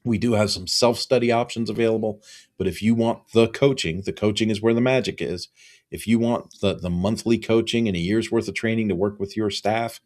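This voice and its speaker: Man in his fifties, low-pitched, earnest, repeats himself for emphasis, solo consultant talk. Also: darkish tone. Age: 50s. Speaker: business consultant and trainer. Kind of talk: solo promotional talk to camera.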